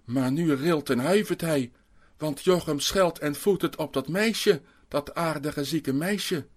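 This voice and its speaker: A man with a slightly raised voice reads a children's story aloud. He builds suspense with dramatic pauses and an expressive delivery. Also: fairly high pitch. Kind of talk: scripted narration of a children's story.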